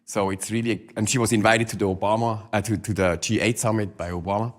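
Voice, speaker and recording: A man, an academic, giving an informal introduction of a speaker in halting English with non-native phrasing. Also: lowish voice, fairly even intonation.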